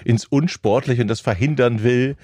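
A man co-hosting casual banter with friends, calm and questioning, offering other points of view. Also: medium pitch, moderate pace, no echo, studio quality. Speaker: podcast co-host.

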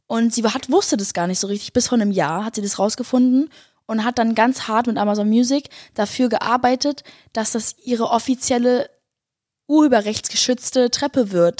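A young woman tells her viewers a story in a rush of excitement, gushing and a little breathless, with English slang dropped into her German. Her voice sits on the high side. The recording is close and dry, with no room sound. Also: moderate pace, dry recording. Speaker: singer and vlogger.

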